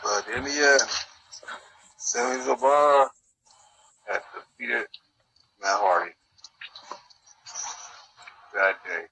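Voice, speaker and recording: A man on a casual podcast, quietly and hesitantly recapping what happened. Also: mid-range voice, lively intonation, slow, long pauses, slight background noise, poor audio. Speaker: podcast co-host. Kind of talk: casual review chat.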